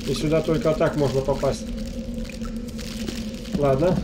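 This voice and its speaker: A man's voice: a little high, steady tone, measured pace. A man giving casual game commentary, half talking to himself and half to viewers as he plays. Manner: muttering to himself while playing, addressing viewers. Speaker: gamer, let's play host. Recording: noisy, game sound behind voice.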